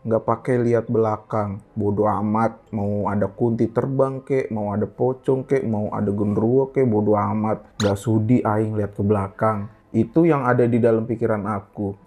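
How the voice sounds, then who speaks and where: Man casually reading a horror story. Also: on the low side. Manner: casual, lively storytelling with slang.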